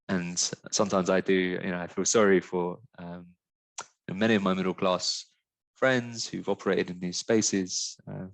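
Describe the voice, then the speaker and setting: A very low-pitched man from the UK muses aloud as a mindfulness teacher in a webinar. He talks in a searching, earnest way, full of "like" and "um" and restarts. The sound is close and dry, with no room around it. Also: creaky, no room sound. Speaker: mindfulness teacher, company founder. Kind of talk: reflective webinar conversation.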